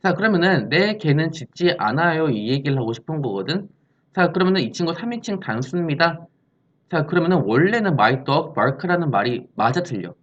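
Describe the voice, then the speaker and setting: A man's voice: fairly high pitch, big pitch swings, normal speed, muffled recording. A man teaching an English grammar lesson, explaining step by step and posing questions he answers himself. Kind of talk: recorded classroom-style lesson.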